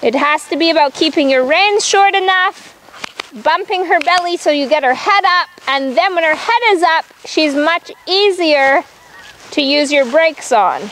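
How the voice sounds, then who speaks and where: Female riding coach, very high pitch, unhurried delivery of brisk projected commands, encouraging and firm, light background noise of a riding arena. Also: a bit bright. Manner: encouraging, firm, repeats short instructions. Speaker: horse riding instructor.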